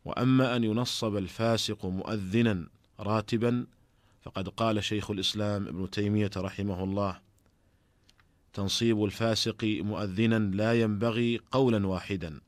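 Low-voiced man giving a measured radio lesson. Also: fairly even intonation, dry recording. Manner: measured, deliberate reading. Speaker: Islamic scholar teaching jurisprudence. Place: radio studio.

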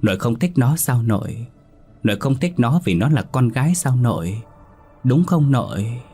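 A man voicing a possessed boy who speaks as a vengeful little girl ghost, shrill and taunting. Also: very animated, moderate pace, dark tone, breathy edge, faint music behind.

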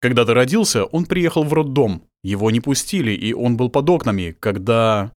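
Calm weary prince, voiced by a male reader. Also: medium pitch, moderate pace, no echo, clean studio sound, close to an everyday voice. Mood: grave. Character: middle-aged man, calm weary prince. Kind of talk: audiobook character voice.

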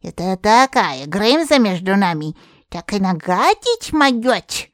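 A woman's voice: mid-range voice, sing-song, slow, no room sound, studio quality. A woman voicing a grumpy old forest witch who talks like a rustic village granny, in an audiobook. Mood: complaining. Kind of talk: audiobook character voice.

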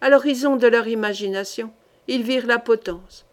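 A woman narrates a historical novel as an audiobook, reading in a steady, measured way. Her voice sits fairly high. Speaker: audiobook reader.

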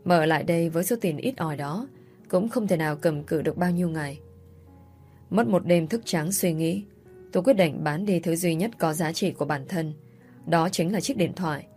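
A woman's voice: lowish voice, normal speed, a little mellow, soft background music. A woman narrating a first-person story in a sorrowful, confessional way.

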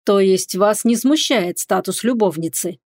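A woman reading an audiobook, voicing a male emperor who talks in a measured, dryly ironic way. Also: medium pitch, a little mellow, no room sound, studio quality. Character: calm authoritative male emperor.

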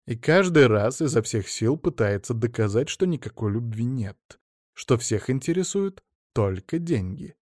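A man's voice: mid-range voice, animated, moderate pace, a little mellow, dry recording, clean studio sound, natural voice. A man reading an audiobook, voicing a bitter middle-aged woman who speaks with contempt. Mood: contemptuous. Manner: contemptuous, biting.

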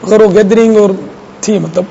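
A man's voice: high-pitched, fairly even intonation, vocal fry, warm tone, highs cut off, a little hiss or hum. A man preaching in a conversational storytelling style, addressing his audience. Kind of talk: sermon storytelling.

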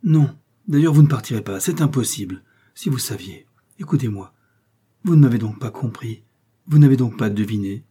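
Reader doing ardent young suitor, pleading, husky mellow tone. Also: male voice, medium pitch, level tone, normal speed, hardly any pauses, close to an everyday voice.

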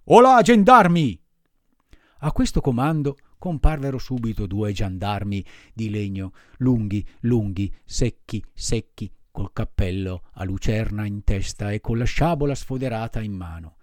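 A man narrating a classic children's novel as an audiobook reader, expressive and measured, on a close mic. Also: fairly low pitch, no echo.

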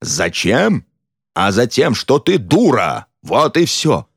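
A man reading an audiobook plays a gloomy, pompous count with a sardonic, gruff manner. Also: lowish voice, very animated, unhurried, no echo, clean studio sound, full character voice. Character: gloomy pompous middle-aged count, turning coarse.

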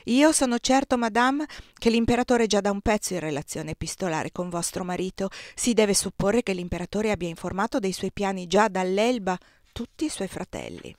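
Brief: smooth, unruffled male minister, read by a woman, measured courtesy, storybook reading. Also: medium pitch, dry recording, studio quality, natural voice. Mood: courteous. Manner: calm and polite. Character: suave, courteous older male police minister.

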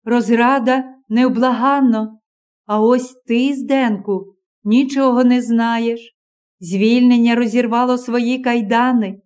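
A woman reading a gentle young woman singer. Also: a little high, fairly even intonation, takes it slowly. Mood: coaxing.

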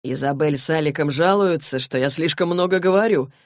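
A woman voicing a cocky, cold and mocking young male demon hunter in an audiobook, talking slowly and scornfully. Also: low-pitched, no room sound, studio quality, natural voice. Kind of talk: audiobook reading.

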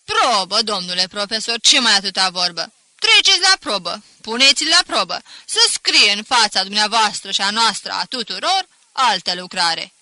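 A woman voicing a brash schoolboy who loudly demands a test in an audiobook. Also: mid-range voice, animated, no room sound. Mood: demanding. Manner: loud, demanding. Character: loud brash schoolboy with a thick voice.

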